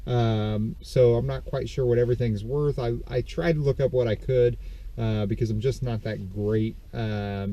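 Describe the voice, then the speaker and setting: A vlogger in a parked car, filmed by a camera on the steering wheel, casually rambles over the estate sale items he plans to resell. His mid-range voice has a dark tone and sounds congested from a dust allergy, and his talk is peppered with ums and self-corrections.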